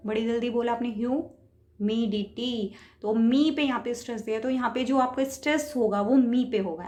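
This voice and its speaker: Patient woman teacher. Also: a little high. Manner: patient, explains step by step with spoken examples. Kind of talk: lecture on speech, mixing Hindi and English terms.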